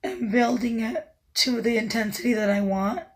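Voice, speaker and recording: Talking viewers through each step of her tutorial, this makeup artist has a hoarse voice, raspy by nature, that keeps dropping out. Her tone is calm and teacherly, with quiet side comments mid-task. She sits a little high in pitch and moves at a moderate pace.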